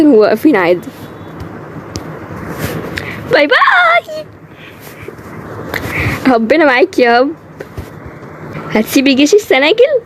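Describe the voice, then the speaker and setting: An Egyptian woman performs a home-made animated drama, moving briskly from one role to the next in everyday conversational lines. Her voice sits fairly high for a woman. A faint background hiss runs under it. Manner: quick, chatty lines shifting from role to role.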